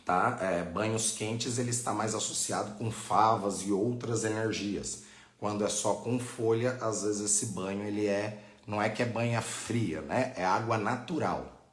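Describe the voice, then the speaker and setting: A Brazilian man with a fairly low, unhurried voice hosts a live online religious class. He teaches informally and didactically, often checking that listeners are following. The sound is echoey and roomy.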